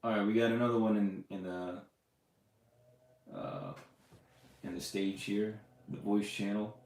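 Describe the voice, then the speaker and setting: A man's voice: on the low side, fairly even intonation, measured pace, gravelly, darkish tone. A man hosting a casual live podcast, chatting loosely with lots of fillers and restarts. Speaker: podcast host answering live questions. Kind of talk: casual livestream chat. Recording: roomy echo.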